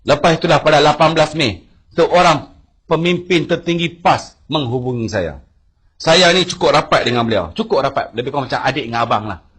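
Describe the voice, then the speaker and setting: A man's voice: fairly high pitch, animated, brisk, a bit bright, slightly rough. A man recounting events emphatically to an audience he addresses directly. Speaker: speaker giving testimony.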